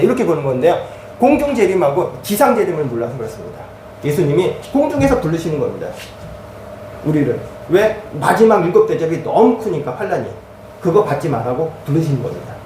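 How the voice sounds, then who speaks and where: High-voiced pastor explaining a chart. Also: male voice, sing-song, fairly quick, a little mellow, roomy sound, distant mic, a little hiss or hum, low-quality recording. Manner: explanatory, walks through a chart step by step. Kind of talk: teaching sermon.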